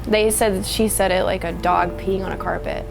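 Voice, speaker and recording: Soft-spoken young woman recounting, halting. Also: mid-range voice, steady tone, vocal fry, noisy background. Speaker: interviewee, daughter of a victim. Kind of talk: documentary interview.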